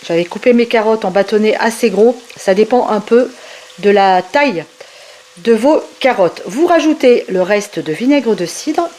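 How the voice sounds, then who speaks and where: A woman hosting a home cooking show, chatting warmly and explaining each step of a recipe. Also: mid-range voice, expressive, moderate pace. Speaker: cooking channel host. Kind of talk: cooking demonstration. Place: home kitchen.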